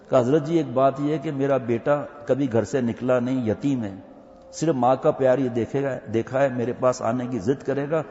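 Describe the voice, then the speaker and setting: A man's voice: mid-range voice, a little mellow. A man giving a storytelling sermon as a religious scholar, voicing each person in the tale in turn. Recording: dull, echoey hall sound.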